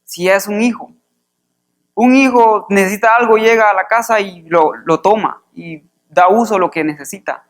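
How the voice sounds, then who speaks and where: Conversational male preacher. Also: high voice. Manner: conversational, fills pauses with "este" and repeats "dice" while reading. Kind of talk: sermon, reading and explaining scripture. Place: church.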